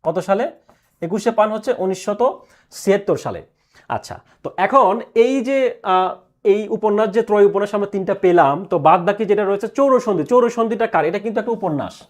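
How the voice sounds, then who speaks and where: A male teacher giving an exam prep lecture, asking questions and answering them himself, repeating key answers slowly. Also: sits high, lively intonation.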